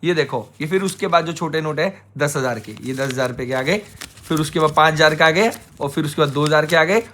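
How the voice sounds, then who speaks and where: A young man chatting to his viewers in a travel vlog, filmed on a handheld camera. His voice sits a little high for a man, and he tells the story with lively energy, turning to the viewers again and again. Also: fast, a little hiss or hum. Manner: animated storytelling, addresses viewers as guys. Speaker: travel vlogger. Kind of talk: casual travel vlog chat.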